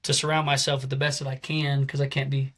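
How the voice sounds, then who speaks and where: A man's voice: mid-range voice, little pitch movement, fast talker, fairly bright tone. A man in his forties, a head coach, talking casually in an interview with many fillers and restarts. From American Southwest. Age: 40s.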